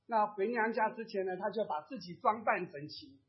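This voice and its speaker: A man preaching to his congregation, gently telling a story and acting out the remarks of the people in it. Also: high voice, moderate pace. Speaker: pastor. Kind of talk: sermon sharing a testimony. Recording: dull lo-fi sound.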